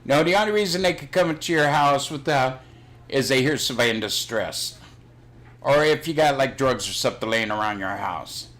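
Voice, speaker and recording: A man's voice: medium pitch, brisk, a bit bright. An older man chatting casually on his own livestream, blunt and rambling, swearing freely. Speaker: livestream host. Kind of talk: casual chat.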